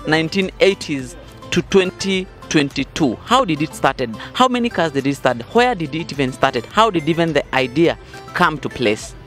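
A man's voice: a little high, very animated, normal speed, fairly bright tone, soft background music. A young man interviewing someone outdoors, asking questions and backing them with short affirmations. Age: young adult. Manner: encouraging, frequent short affirmations. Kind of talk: street interview. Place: outdoor car market.

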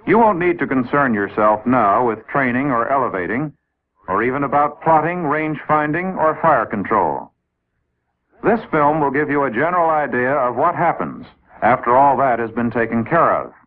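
Narrating a 1950s military training film, an American man speaks directly to trainees, laying things out in a methodical, explanatory way. His mid-range voice is expressive and moves at normal speed, captured on an old, tinny, narrow-band film soundtrack.

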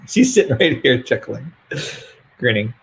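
A man chats over a video call on earbuds, relaxed and rambling with frequent laughs. His voice is husky and gravelly. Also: mid-range voice, takes it slowly. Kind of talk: casual livestream chat. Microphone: earbuds over a browser video call.

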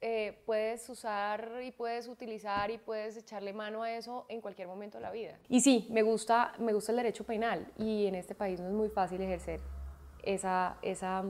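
A woman, chatting as a guest in an interview, expressive and quick to laugh. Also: medium pitch. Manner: expressive, laughs often, acts out quoted voices. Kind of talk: casual interview chat.

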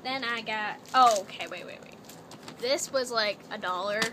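In a casual haul video, a young Canadian vlogger rambles along at a moderate pace, her voice on the high side and her accent a playful put-on. She's indoors in a small, cluttered bedroom, and her laptop webcam picks up noisy audio.

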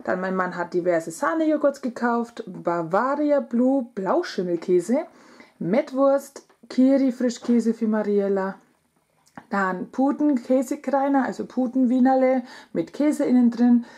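A woman's voice: a little high, measured pace, mellow. A woman in her thirties narrating a casual vlog in a chatty manner, talking straight to her viewers. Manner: chatty vlogger presenting items, addressing viewers directly. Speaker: vlogger. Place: indoors at home, kitchen.

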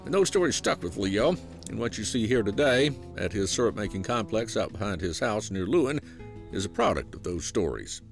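A man with a Southern US accent tells the story in scripted documentary narration, his lowish voice rising and falling with plenty of life. He keeps a folksy, unhurried pace, and music plays clearly under his voice. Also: sing-song. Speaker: program host and narrator.

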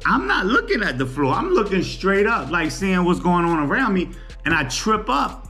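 Sitting high in pitch with a sharp tone, the man's voice is very animated yet moderately paced as he vlogs about his day in a small room. The camera rests on a table, soft music plays behind, and his chat is laid-back, chatty and teasing.

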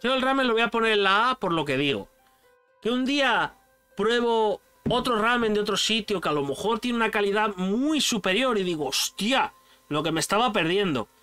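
With soft music behind him, a young Spaniard speaks a little fast in a high-pitched, clear, resonant voice with a Spanish accent. It's an animated, slang-heavy food tier list for his channel, and he calls the viewer "tío".

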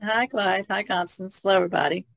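A woman's voice: medium pitch, fast talker, gravelly, fairly bright tone, dry recording. A woman talking casually as a podcast co-host.

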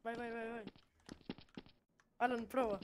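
A woman playing in a role-play game with friends, talking in a lively, protesting way. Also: on the high side, unhurried, slight background noise. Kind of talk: casual role-play banter.

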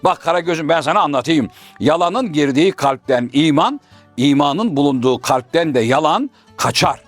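A pompous, learned shadow-puppet gentleman who corrects and moralizes in proverbs. The voice is pitched high and swings animatedly as he lectures. Faint music runs behind. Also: animated, moderate pace, no room sound. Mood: lecturing. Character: learned, preachy male shadow-puppet scholar. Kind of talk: traditional shadow-puppet comedy dialogue.

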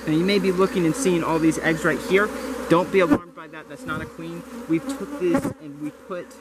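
Young man, homestead vlogger, outdoor camera audio, insects buzzing loudly behind, rambling explanations. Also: fairly high pitch, moderate pace, heavy background noise. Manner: rambling, self-correcting explanations. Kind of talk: casual vlog narration. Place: outdoors in a garden among bushes and beehives. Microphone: camera mic, handheld or close framing. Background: buzzing bees and insects.

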